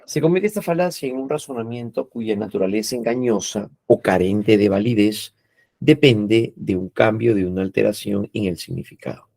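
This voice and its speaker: A man's voice: lowish voice, normal speed, creaky, darkish tone, no room sound. A man giving an explanatory lecture as a teacher, explaining patiently and often adding "no?" and "eh" as he talks. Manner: explains patiently with frequent "¿no?" and "eh" tags.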